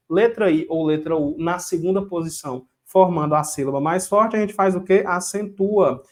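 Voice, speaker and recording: A man teaching an online exam-prep grammar lesson, quizzing the viewers and drilling rules with repetition and a rhyme. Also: high-pitched.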